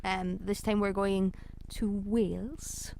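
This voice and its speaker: A woman co-hosts a relaxed chat and explains things patiently and in order, at an everyday pitch. A faint noise sits under her voice on the recording. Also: slow, gravelly. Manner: explanatory, patient, light laughs. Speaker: podcast co-host. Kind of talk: casual chat.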